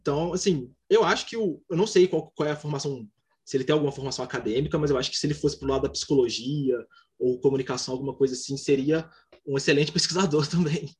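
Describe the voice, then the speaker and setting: A man's voice: a little high, quick pace, a little mellow. A man giving academic, explanatory remarks in a group discussion.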